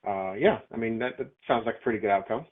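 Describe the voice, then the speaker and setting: A fairly low-pitched man speaks quickly on a phone call, a property owner chatting in a relaxed, hesitant manner while thinking aloud. The line sounds narrow and tinny.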